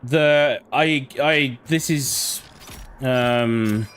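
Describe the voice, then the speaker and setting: A man's voice: medium pitch, drawn-out words, fairly bright tone, a little hiss or hum. A man live-streaming a shooter game, chatting casually and swearing bluntly when frustrated. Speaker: gaming livestreamer. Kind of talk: casual chat while gaming.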